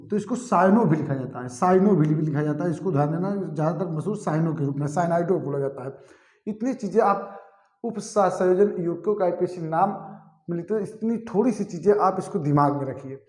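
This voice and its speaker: High-voiced man teaching chemistry, echoey room. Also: darkish tone. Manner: repeats key terms and quizzes with "what will it be called?"; addresses students as "bhaiya" and "ji". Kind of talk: classroom lecture.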